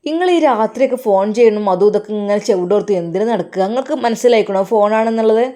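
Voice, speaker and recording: A woman's voice: medium pitch, quick pace, warm tone, lightly acted. A woman voicing a young daughter-in-law who complains tearfully, speaking with a Malappuram Malayalam accent. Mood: aggrieved. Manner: tearful, whining, accusing.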